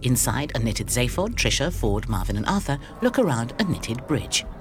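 A man's voice: mid-range voice, big pitch swings, moderate pace, noisy background. A man reading scripted audio description in a neutral, factual way.

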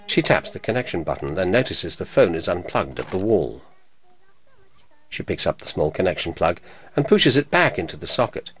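Deep guy doing audio description, steady and neutral, low low voice. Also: faint music behind. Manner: measured, neutral. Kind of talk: scripted narration.

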